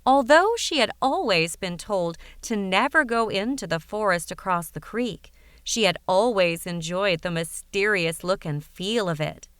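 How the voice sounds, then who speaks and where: A woman narrating a fairytale audiobook in a measured, even way. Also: mid-range voice, clean tone, dry recording, clean studio sound. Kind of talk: scripted storybook narration.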